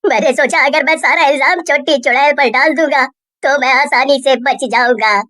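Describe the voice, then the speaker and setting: A woman's voice: medium pitch, normal speed, bright, forceful tone, close to an everyday voice. A woman voicing a scheming, cowardly male villain in a cartoon, cackling and stammering. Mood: panicked. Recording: roomy echo from a distance.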